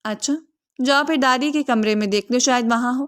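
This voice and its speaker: A woman's voice: high-pitched, clear, resonant tone, close to an everyday voice. A woman voicing a teasing middle-aged mother.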